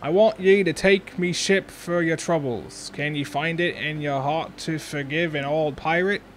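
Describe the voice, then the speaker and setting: A man's voice: a little high, fairly even intonation, unhurried, a little hiss or hum, lightly acted. A man voicing a boastful old pirate captain in a hammy pirate drawl, reading game dialogue aloud. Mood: pleading.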